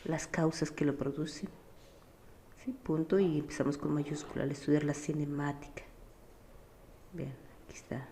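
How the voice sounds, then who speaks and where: A woman's voice: deep voice, fairly even intonation, moderate pace, long pauses, warm tone, a little hiss or hum. A woman teacher, patiently explaining a physics lesson and often checking that her students follow. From Mexico. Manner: patient, keeps checking with a questioning "sí?".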